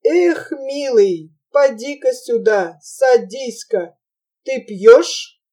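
A woman's voice: fairly high pitch, expressive, drawn-out words, mellow. Woman voicing a despairing merchant father. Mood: grieving. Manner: lamenting, exclaiming. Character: desperate grieving merchant father, middle-aged man.

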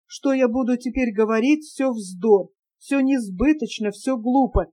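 An earnest, lovesick young dreamer who cannot keep quiet any longer, voiced by a woman reading aloud. The tone is mellow and warm, a little high. It is heard in a spoken audiobook. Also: a little slow. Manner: earnest, fervent confession.

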